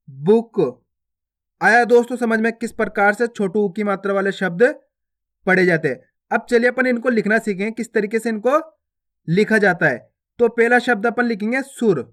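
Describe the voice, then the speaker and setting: A man teaching children to read and write words, sounding each out slowly, repeating it, and asking and answering his own questions. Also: sits high, fairly bright tone. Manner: repeats each word twice, asks and answers himself. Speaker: Hindi reading teacher. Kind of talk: slow, drawn-out word-by-word teaching.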